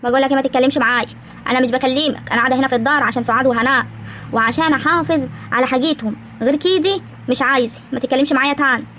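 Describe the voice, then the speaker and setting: A woman acting an older village wife, jealous and indignant, who scolds her husband in an Egyptian rural accent. Her lines pour out quick and high-pitched. A faint hiss sits under the recording. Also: sharp tone. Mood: scolding.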